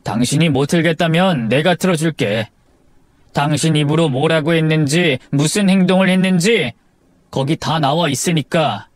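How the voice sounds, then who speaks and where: Casting: man playing angry husband, accusing, voice climbing high in anger, dry recording. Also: moderate pace, no room sound, close to an everyday voice. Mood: furious. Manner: shouting, accusing, rising anger. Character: angry husband confronting his wife, furious, accusing.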